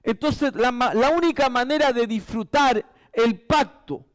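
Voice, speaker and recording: Male pastor, very high voice, emphatic church sermon, repeats key phrases. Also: unhurried. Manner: emphatic, repetitive preaching.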